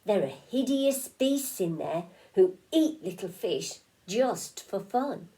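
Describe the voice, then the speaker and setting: A woman voicing a timid young male fish in a storybook, high and anxious, building up to sneezes. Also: animated, slow pace, dark tone, far from the mic. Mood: nervous.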